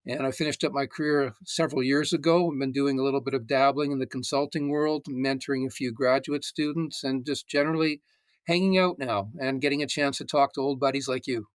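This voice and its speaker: A Canadian man in his sixties, a retired agronomist, explaining things in a measured way as a podcast guest. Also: mid-range voice, steady tone, no echo. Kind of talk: casual interview.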